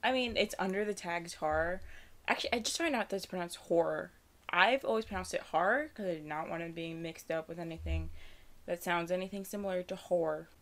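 A young woman streams a let's-play, giving chatty, nervous, self-deprecating commentary as she plays. Her voice is on the low side and a bit bright, and she talks fast.

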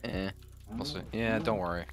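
A man's voice: fairly low pitch, steady tone, moderate pace. A man chatting casually and swearing while playing a game with friends. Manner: loud, swearing banter. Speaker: gamer. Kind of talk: casual gaming chat.

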